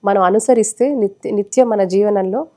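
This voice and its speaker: Mellow-voiced woman giving devotional talk. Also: mid-range voice, normal speed. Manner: earnest, explanatory, shares own experience. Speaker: devotional speaker.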